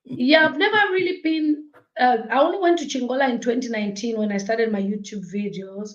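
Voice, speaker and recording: A woman's voice: a little high, a little fast. Woman, chatty guest, roomy echo, dull muffled call audio. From Zambia. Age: young adult. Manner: chatty, laughing, lots of ums. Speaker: guest, blogger. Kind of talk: interview answers.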